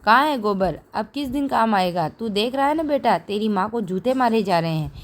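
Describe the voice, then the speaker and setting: Fierce middle-aged village wife, loud and scolding, read by a woman; storybook reading. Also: a little high, animated, normal speed, close to an everyday voice. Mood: wailing. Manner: shouting, scolding, defiant.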